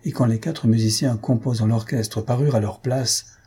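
Dark, husky-voiced male reader. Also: normal speed. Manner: lively, raises pitch for shouted crowd lines. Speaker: audiobook reader. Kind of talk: storybook narration.

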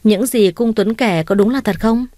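A woman voicing a scheming young woman who turns cold and sharp, in an audio story with a dry, close sound. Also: medium pitch, normal speed, dry recording, natural voice. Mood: coaxing. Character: scheming proud young woman, quick to anger.

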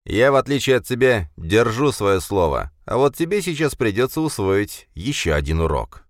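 A man voicing a cold male villain who speaks calmly, with command and scorn. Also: on the low side, normal speed, dry recording, clean studio sound, pitched above the performer's own voice. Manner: calm, cold and mocking.

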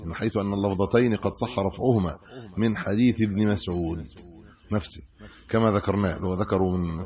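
Fast-reading Egyptian sheikh, lo-fi lecture. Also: male voice, fairly low pitch, darkish tone. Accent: Egyptian Arabic. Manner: reads the texts aloud, then explains them in colloquial asides. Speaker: sheikh teaching hadith commentary. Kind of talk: religious lesson reading and explaining hadith. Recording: dull lo-fi lecture recording.

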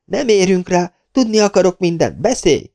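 A man's voice: fairly high pitch, big pitch swings, dark tone, pitched above the performer's own voice. A man voicing a furious, bossy woman who shrieks and scolds in an audiobook reading. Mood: demanding. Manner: shrieking, contemptuous.

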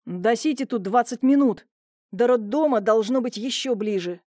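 A woman voicing a blunt male neighbour who talks hoarsely. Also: a little high, normal speed, warm tone, no room sound, clean studio sound, natural voice. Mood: urgent.

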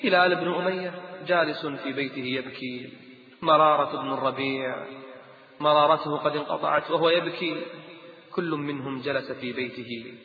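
A man preaching an emotional story sermon, dropping to a hush and rising loud, chanting verses in between. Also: a little high, steady tone, normal speed. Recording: tinny, echoey hall recording.

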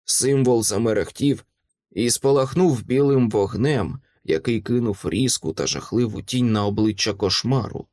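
A man's voice: lowish voice, moderate pace, darkish tone, dry recording. A man reading a dramatic first-person audiobook narration with vivid delivery.

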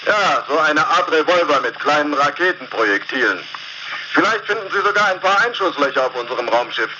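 An actor playing a stranded spaceship captain in a radio play, reporting in a plain, matter-of-fact way through a sci-fi radio communicator. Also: male voice, on the high side, lively intonation, fairly quick. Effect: sci-fi radio communicator transmission. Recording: dull lo-fi sound with clear hiss.

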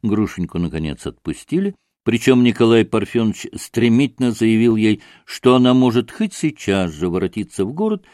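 Man narrating a classic novel, lively intonation, dry close studio sound. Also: lowish voice, normal speed, hardly any pauses, no room sound. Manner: expressive, varied reading. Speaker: audiobook narrator. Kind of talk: scripted narration of classic fiction.

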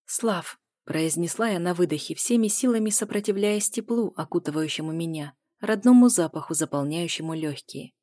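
A woman reading a novel aloud as a first-person narrator, in an even storytelling manner. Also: on the low side, brisk, hardly any pauses. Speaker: audiobook narrator.

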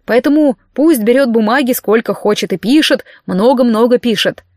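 A woman's voice: fairly high pitch, normal speed, darkish tone, dry recording, clean studio sound, close to an everyday voice. A woman voicing an eager male publisher with a fawning, insistent manner.

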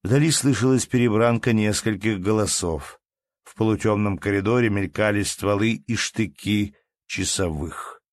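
A man reads a classic story aloud in a measured, even manner. His voice sits fairly low. The recording is dry and close. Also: no echo. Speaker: audiobook narrator. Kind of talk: scripted literary narration.

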